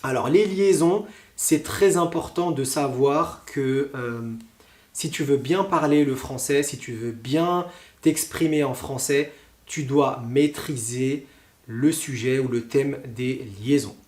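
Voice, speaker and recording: A man with a French accent teaching pronunciation, talking slowly and deliberately with many hesitations. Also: mid-range voice, a little mellow, roomy sound. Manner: slow, deliberate, with frequent hesitations.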